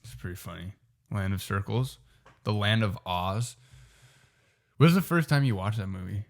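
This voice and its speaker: A man's voice: on the low side, moderate pace. A young man co-hosting a podcast, talking in a loose, slangy way and swearing casually. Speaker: podcast co-host. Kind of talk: casual chat.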